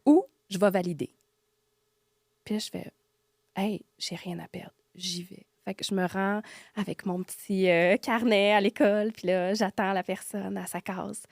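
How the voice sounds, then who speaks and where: A woman with a Quebec French accent, a guest on a podcast, telling her own experiences in animated casual talk and acting out what she thought and said. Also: medium pitch, unhurried, creaky, no room sound, clean studio sound. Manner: animated, acts out her own quoted thoughts, drops to near-whispers. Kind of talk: casual storytelling interview.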